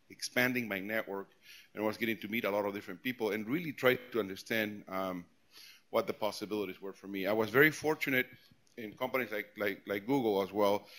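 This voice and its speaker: Speaking to employees as a guest, a man from Peru in his forties delivers a casual tech talk, often restarting and repeating words. His voice sits on the low side and sounds a bit bright.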